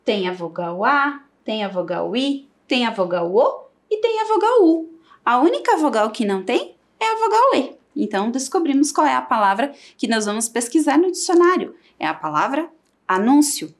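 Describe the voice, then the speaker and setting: A woman with a Brazilian Portuguese accent teaching a televised primary school lesson, sounding out syllables for children. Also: sits high. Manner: slow, lively, sings out syllables for children.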